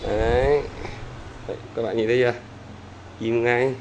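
A chatty man, speaking at a mid pitch as he keeps turning to his viewers. He repeats small pointing words while talking outdoors. A faint hum of outdoor noise sits behind his voice. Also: fairly even intonation, moderate pace. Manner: chatty, repeats "there" often, talks to viewers. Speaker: bird-keeping vlogger. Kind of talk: casual talk to camera viewers.

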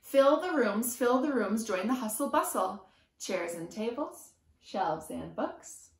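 A woman in her thirties, a preschool teacher, reads aloud to young children in a rhythmic, sing-song way, emphatic on sound words. Her fairly high voice is expressive and unhurried. The recording comes from a camera a few feet away in a small room at home, with a roomy echo.

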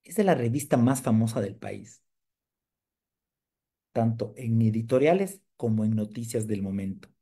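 Man, sales trainer, mellow voice, playful and lively with the audience. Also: medium pitch, normal speed, creaky, long pauses, breathy edge. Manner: lively, jokes and quizzes the audience. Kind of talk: live sales training demonstration.

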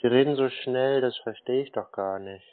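A scambaiter on a telephone call plays the part of a naive, confused, literal-minded customer in a slow, bumbling exchange. His medium-pitched voice moves at normal speed, and the sound is phone quality.

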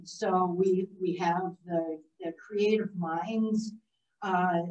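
Hoarse woman chatting in an echoey room. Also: on the low side, darkish tone. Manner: rambling and chatty, thinks aloud. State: hoarse after voice box surgery. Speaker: meeting emcee introducing the speaker. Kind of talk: casual club-meeting remarks. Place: meeting room. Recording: echoey room, distant muffled mic.

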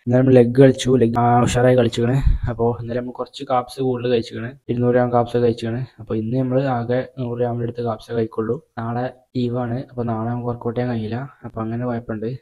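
A man's voice: medium pitch, completely flat delivery, very fast, mellow. A young man narrating a casual bodybuilding vlog in a matter-of-fact way, recorded on a phone camera in a small room at home. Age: young adult. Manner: matter-of-fact, talks through his diet and training plans. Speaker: bodybuilding vlogger.

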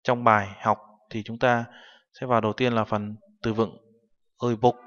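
A man's voice: on the low side, little pitch movement, normal speed, a bit bright. A man giving a classroom-style language lesson. He walks through each term patiently, translating it word by word. The recording sounds dull, with a long reverb trailing behind his voice. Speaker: Korean language teacher.

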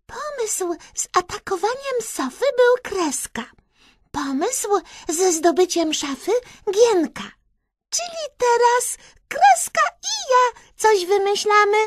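A tiny storybook mouse princess, squeaks her words in a very high, lively voice. She talks down to the others in a lofty, bossy manner, and the dry, close recording keeps every squeak crisp. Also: slow pace, dry recording, full character voice. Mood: eager. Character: squeaky, haughty little female mouse playing a princess.

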